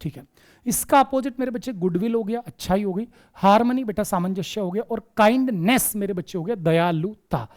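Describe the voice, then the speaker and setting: A man's voice: high voice, normal speed, a little mellow. A man hosting a vocabulary lesson for exam students, fondly calling them "my child" and "dear", mixing English words into his explanations and repeating quiz questions back. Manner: mixes English words into Hindi teaching. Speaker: vocabulary teacher and show host.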